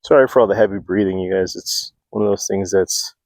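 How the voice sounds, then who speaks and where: His voice is low, fairly quick, gravelly, and darkish, recorded with no echo on a small clip-on mic near his mouth. Outdoors at his homestead, this vlogger chats while building, filling his thinking-aloud with fillers and breathing hard from the work.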